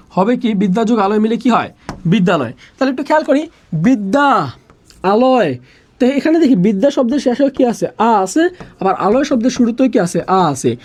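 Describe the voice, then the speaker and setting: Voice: medium pitch, darkish tone. A teacher leading a live online grammar class, repeating each question and then answering it. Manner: drills by asking a question, then answering it, many times over.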